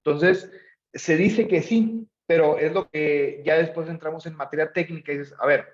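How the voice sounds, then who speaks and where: The recording, made in an echoey room, is slightly muffled as a logistics expert presents and answers questions, chatting conversationally and posing rhetorical questions. His voice is a little high, with fairly even intonation and normal speed.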